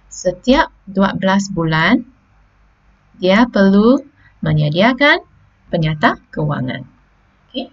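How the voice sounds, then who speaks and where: Speaking in a mid-range voice with the high frequencies cut off, a Malaysian woman teacher leads students step by step through a lesson on slides. She frequently checks in with "okey" and "ha?".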